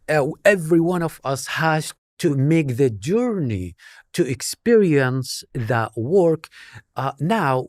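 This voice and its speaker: Man on a debate panel, slow and halting, lots of uhs, voice goes up and down a lot. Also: medium pitch, darkish tone, no echo, clean studio sound. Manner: halting, with many fillers and repeated words.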